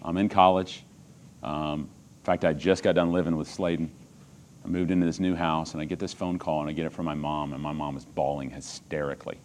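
A middle-aged man from Texas, preaching a sermon as personal storytelling, earnest and moving from hushed lines to loud, emphatic ones. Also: extremely low pitch, steady tone, fairly quick, slight background noise.

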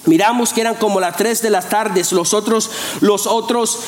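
A man with a very high voice preaches a lively sermon, stumbling into restarts and repeated words as he goes. The room around him is echoey. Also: moderate pace, slight background noise. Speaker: pastor.

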